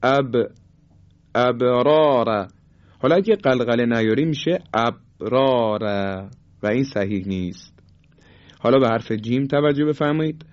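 A man teaching Quran recitation in Persian, explaining each rule, then drawing out the example words slowly and firmly. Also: mid-range voice, lively intonation. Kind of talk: tajwid lesson with slow demonstrations. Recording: dull lo-fi sound.

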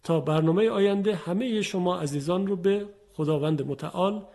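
A man teaching tajweed, explaining and slowly drawing out Arabic letters, speaking politely and formally to viewers. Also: sits high, warm tone. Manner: slow, drawn-out demonstration of letters. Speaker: Quran recitation teacher. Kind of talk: teaching Quranic tajweed pronunciation.

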